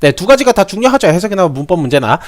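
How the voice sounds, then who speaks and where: A young man explains English grammar in a casual lesson. His voice sits high and swings widely in pitch. He repeats himself and tosses rhetorical questions at his students. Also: big pitch swings, quick pace. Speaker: English teacher.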